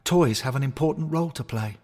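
A man's voice: mid-range voice, a little fast, a little mellow, big-room sound, pitched above the performer's own voice, natural voice. A man voicing a cheerful male hornet mascot toy who talks in an earnest, coaxing way. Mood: encouraging. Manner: earnest, coaxing pep talk.

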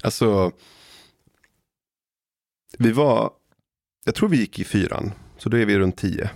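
A man from Gothenburg co-hosting a podcast, telling animated childhood anecdotes. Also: on the low side, dry recording, clean studio sound. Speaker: podcast co-host. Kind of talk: casual chat.

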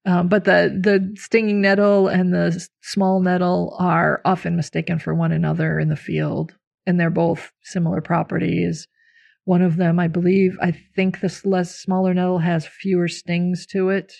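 A woman's voice: fairly low pitch, flat delivery, normal speed, vocal fry. A woman hosting a podcast about herbalism, explaining plants and teachers in an informal, talkative way. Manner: warmly explanatory, informal, with fillers. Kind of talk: casual podcast chat.

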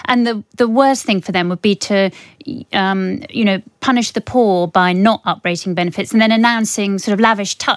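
A British woman comments on politics as a panel columnist. Her pitch is average and the sound is very dry, with no room around it. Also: fairly even intonation, normal speed, no echo.

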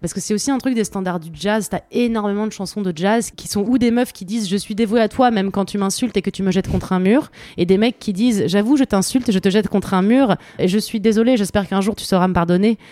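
Fast and with few pauses, a mid-range, mellow female voice enthusiastically chats about song lyrics on a podcast, though she hesitates a lot. She is a co-host whose first language is French, and the recording has no echo.

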